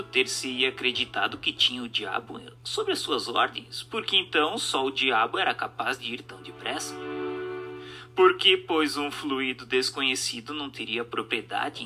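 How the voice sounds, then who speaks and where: Over background music, a man narrates a book aloud, giving formal text a dramatic reading. His medium-pitched voice has a sharp tone, and his manner is emphatic, rhetorical and oratorical.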